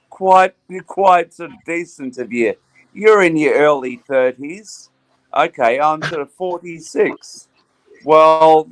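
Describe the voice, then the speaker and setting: Slow, sarcastic man in his forties. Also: fairly high pitch, clear, resonant tone, rough recording. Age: 40s. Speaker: panelist. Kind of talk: casual chat.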